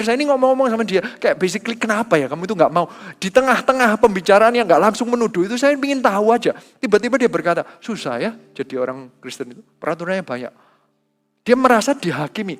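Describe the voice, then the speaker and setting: High-voiced male pastor preaching. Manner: conversational preaching, mixing in English phrases, animated retelling of dialogue. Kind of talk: sermon.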